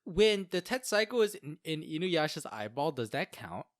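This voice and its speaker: Animated male podcast co-host, lively pitch, dry close sound, jokey and filler-heavy. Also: moderate pace, no echo. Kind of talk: casual chat.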